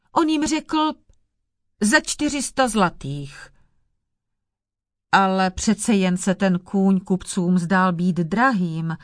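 A woman reading an old fairy tale aloud in a measured, even way. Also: mid-range voice, no echo, studio quality. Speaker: storyteller.

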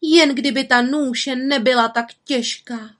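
Woman voicing a little witch: high, sweet, playfully cheeky, storybook. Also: fairly even intonation. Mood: teasing. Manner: bright, coaxing and playful. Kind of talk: storybook reading.

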